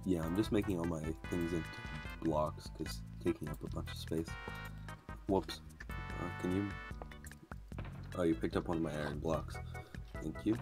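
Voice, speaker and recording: A man's voice: low-pitched, fairly even intonation, music in the background. A man chatting casually while playing a game with a friend, heard through livestream headset audio. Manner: chatty, practical, quick back-and-forth. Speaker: gaming guest co-player. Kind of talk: casual gameplay chat.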